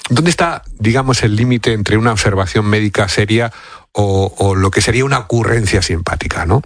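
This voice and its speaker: A man's voice: lowish voice, a little fast, no room sound. A man hosting a radio interview in a studio, asking curious, prompting questions of his guest. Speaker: radio host.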